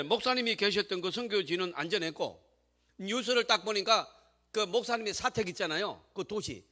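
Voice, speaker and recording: A man pastor preaching a sermon, telling a story emphatically and calling out to the congregation, moving from hushed to loud. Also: sits high. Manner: swings between hushed storytelling and loud exhortation.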